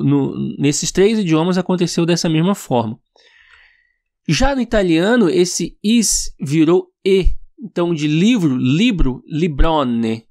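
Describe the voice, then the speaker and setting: A man's voice: high voice, a little mellow. A Brazilian man with a Brazilian accent teaching about language, thinking aloud and often asking "né?" as he explains. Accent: Brazilian Portuguese. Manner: thinking aloud, frequent "né?" and restarts. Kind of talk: casual explainer video.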